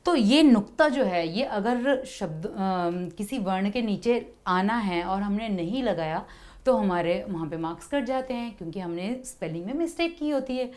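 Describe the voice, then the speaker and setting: A woman teaching young children, explaining slowly and patiently, repeating letter sounds and pausing on fillers. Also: mid-range voice, expressive, a little mellow. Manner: frequent hesitation fillers. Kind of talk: Hindi lesson for children.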